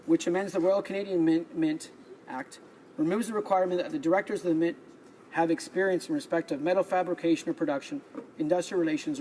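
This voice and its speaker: A man's voice: on the high side, a little mellow, a little hiss or hum, rough recording. A man giving a formal parliament speech as a member, reading prepared remarks and stumbling over the odd word. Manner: reads prepared remarks, stumbling and restarting on words. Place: legislative chamber.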